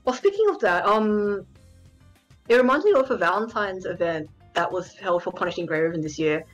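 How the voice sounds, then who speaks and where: Fast-talking, husky-voiced woman. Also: medium pitch, expressive, soft background music, low-quality recording. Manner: eager storyteller, gushing. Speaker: podcast co-host. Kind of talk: casual chat.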